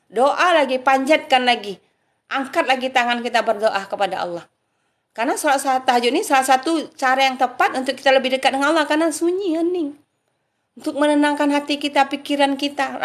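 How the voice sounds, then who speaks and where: A woman giving an earnest, informal religious talk, softly reciting prayer phrases along the way. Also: fairly high pitch. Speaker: religious speaker.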